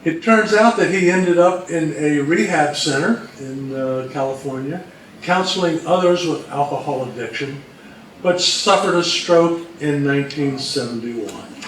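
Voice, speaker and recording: A man co-presents a talk on old-time radio history, telling it informally in a hesitant, matter-of-fact way. His voice is on the high side and a little slow, recorded from far off in an echoey room with faint noise.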